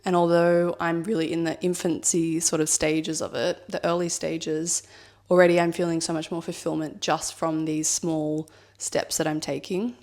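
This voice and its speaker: A woman in her thirties with a fairly low voice, slightly husky from a cold, thinks aloud to the camera in a personal vlog. Her reflective talk wanders, full of fillers like "like" and "I guess," delivered flatly at a normal pace.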